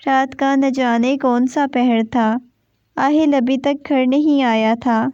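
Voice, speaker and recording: A woman reading a romance novel aloud as scripted narration, in a steady storytelling way. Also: high voice, dry recording. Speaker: novel reader. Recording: dull, dry lo-fi recording.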